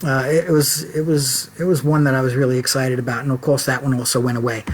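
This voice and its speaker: A man's voice: mid-range voice, little pitch movement, fast, breathy edge. A man hosting a casual livestream check-in from his laptop at home, rambling and chatty with lots of fillers and restarts. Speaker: website founder and host of a live check-in. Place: home office. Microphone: laptop mic.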